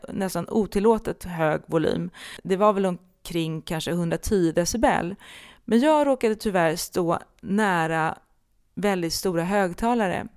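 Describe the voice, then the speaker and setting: Woman hosting a podcast, lowish voice, talks candid and thoughtful, lots of little pauses. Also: a little mellow, clear, resonant tone. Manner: candid, reflective, with frequent hesitations. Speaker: podcast host and medium. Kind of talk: personal podcast monologue.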